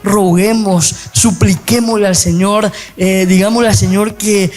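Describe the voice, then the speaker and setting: A man's voice: sits high, steady tone, measured pace, a little mellow. A young man giving an earnest testimony and advice on a church program, dropping filler words and asking for agreement after nearly every phrase. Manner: earnest, full of fillers, keeps adding "¿verdad?".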